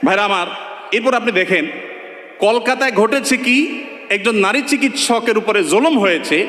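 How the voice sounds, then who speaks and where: A man delivers a fervent sermon in a high, ringing voice. He argues through rapid rhetorical questions. The sound is roomy, with a long reverb tail. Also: bright, forceful tone. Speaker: Islamic preacher.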